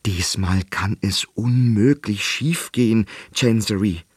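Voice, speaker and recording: A man's voice: fairly low pitch, slow, breathy edge, dry recording, studio quality. A man voicing a nervous, fussy old wizard who soothes and explains. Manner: anxious, reassuring, explanatory.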